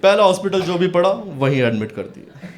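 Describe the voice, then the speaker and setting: A male stand-up comedian telling a story in front of an audience, acting out every line of dialogue and landing punchlines loud. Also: high voice, animated. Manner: acts out dialogue in quick voices, sudden loud punchlines. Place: comedy stage before a live audience.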